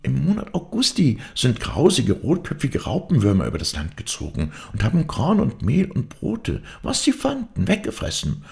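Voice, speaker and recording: A man's voice: mid-range voice, huge pitch swings, moderate pace, vocal fry, hardly any pauses, darkish tone, pitched above the performer's own voice, full character voice. A man voicing a young farm maid who tells rumors in an eager, gossipy rush, in a storybook reading. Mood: eager fear.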